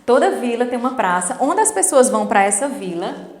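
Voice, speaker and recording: A woman's voice: a little high, big pitch swings, brisk. Middle-aged woman teacher explaining stuff to her students, keeps asking if they're following, lots of room echo and a long reverb. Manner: didactic, checks in with tag questions. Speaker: English teacher. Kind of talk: explanatory video lesson.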